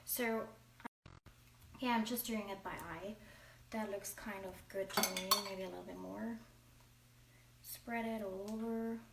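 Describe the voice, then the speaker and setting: A woman's voice: medium pitch, steady tone, unhurried, creaky, pauses often, heavy background noise. A woman with a German accent, chatting casually through a cooking demonstration and now and then hunting for the English word. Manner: chatty, searching for English words. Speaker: cooking vlogger. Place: home kitchen. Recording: echoey kitchen, mic at a distance, clattering dishes.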